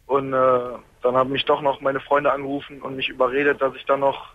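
A man's voice: medium pitch, completely flat delivery, a little fast. Young man on a tinny speakerphone. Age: 20s. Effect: hands-free speakerphone in a truck cab. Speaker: caller. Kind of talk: late-night radio phone-in call. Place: truck cab on the highway. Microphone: car hands-free speakerphone. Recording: tinny phone line, faint road noise.

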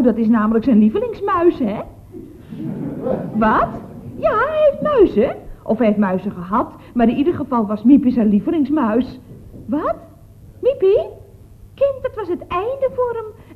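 A woman's voice: high voice, slight background noise. An actress playing a chatty, gushing female office clerk in a 1960s radio comedy. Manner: chatty, gushing, lively swings of tone. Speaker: office receptionist at a building firm. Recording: old phone-like radio recording.

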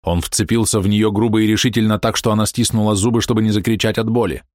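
A man reading a novel aloud in measured audiobook narration. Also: fairly low pitch, steady tone, darkish tone, dry recording, studio quality.

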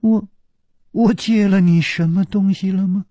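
A male storyteller playing a witty, mocking swordsman hero who teases slowly and jumps up in pitch when surprised. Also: steady tone, mellow, no echo. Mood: teasing. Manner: teasing and drawn out, with sudden surprised jumps in pitch.

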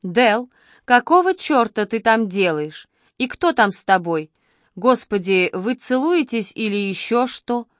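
A woman voicing a gangly teenage boy with a creaky, strained voice who taunts and mocks. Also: a little high, lively intonation, measured pace, no echo, clean studio sound. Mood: taunting.

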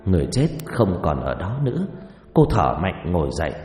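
A man's voice: low-pitched, very animated, moderate pace, a little mellow. A man telling a ghost story in a dramatic, suspenseful scripted narration, recorded with echoey reverb over faint music.

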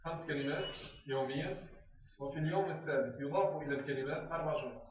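A man explains a lesson from across a big, echoing classroom. His voice sits a little high and comes through thin and phone-like. He repeats each word slowly, like a drill. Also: a little hiss or hum. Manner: repeats phrases slowly, drills words aloud. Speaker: teacher trainer. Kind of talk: classroom instruction on teaching reading. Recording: echoey room, far off, phone-like sound.

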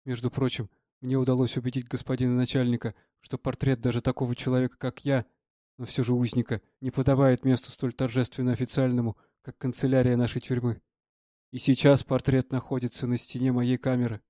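Calm male audiobook narrator. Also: mid-range voice, brisk, no room sound, clean studio sound.

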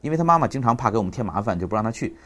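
A man's voice: medium pitch, sing-song, racing, fairly bright tone. A man in his thirties giving a public talk on parenting, telling family stories and acting out the dialogue. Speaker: parenting speaker.

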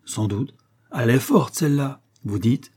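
A cunning male junk dealer, unruffled and mocking, his lines pitched above the reader's own mellow voice, as a male narrator puts him on. He answers curtly and never loses his composure. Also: very animated, a little slow. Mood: cool, mocking.

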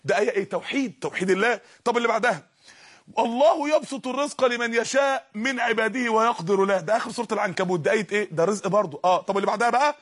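A man's voice: high-pitched, rapid-fire, a bit bright. A man with an Egyptian Arabic accent giving an impassioned Islamic sermon, repeatedly exhorting his listeners. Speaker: preacher.

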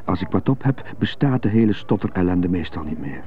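In a radio drama monologue, a man with a low voice plays a brooding, indignant prisoner who loves jazz and stutters on some words. He mutters and questions himself in short, very animated, slightly fast bursts with an uneasy mood, and the sound is muffled and narrow like a phone line, with music behind him.

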